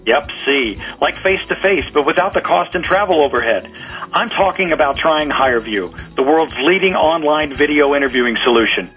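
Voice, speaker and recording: A man with a slightly high voice delivers upbeat salesman patter in a scripted ad exchange. He is heard over a radio broadcast, and the sound is dull and lo-fi with faint music underneath. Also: animated, moderate pace, a bit bright. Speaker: guest pitching a product.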